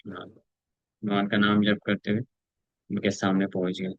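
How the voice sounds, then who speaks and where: A man with an Indian accent gives a scripture class, chanting verses slowly and then explaining them in a measured teaching tone. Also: fairly low pitch, completely flat delivery, dry recording, muffled recording. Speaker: spiritual teacher. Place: temple lecture room.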